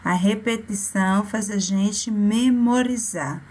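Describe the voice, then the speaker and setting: A woman with a Brazilian accent teaches a remote class for young children. She speaks slowly and patiently at a middle pitch, sounding out syllables one by one and repeating the key terms so the children remember them. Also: a little mellow. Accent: Brazilian Portuguese. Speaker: primary school teacher.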